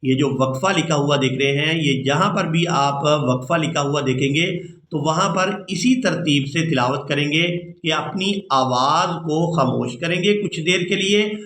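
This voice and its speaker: A male recitation teacher walks through each rule patiently and repeats it so learners can follow. His voice sits high and bright, and he speaks at an unhurried pace. The recording has a roomy echo around it. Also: a little hiss or hum. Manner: patient, explains rules repeatedly. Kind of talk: step-by-step recitation lesson.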